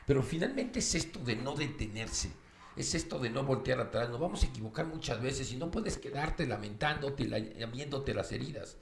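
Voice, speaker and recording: Man, storyteller, gravelly voice, roomy echo, faint hiss. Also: mid-range voice, normal speed. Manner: expressive storyteller, acts out voices. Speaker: host telling a story. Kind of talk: storytelling in a casual conversation. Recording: echoey room with faint noise.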